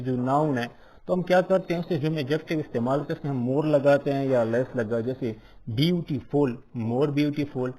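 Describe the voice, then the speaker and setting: A man with a fairly high voice explains grammar to a class at an unhurried pace. He keeps checking in with his listeners after each point. When he reads English definitions, he slows right down and says each word with care. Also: warm tone, rough recording.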